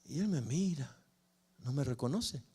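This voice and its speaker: An older man speaks, a pastor and family counselor sharing his own story from the pulpit. His voice sits in an ordinary middle pitch and swells and drops as the story moves. The telling is warm in pace and expressive throughout. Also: a little slow, breathy edge. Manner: storytelling, expressive, rises and falls with emotion. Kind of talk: personal testimony sermon.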